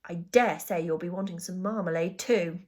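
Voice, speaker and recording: A woman reading a children's story aloud, voicing a brisk, stern housekeeper. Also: on the low side, natural voice.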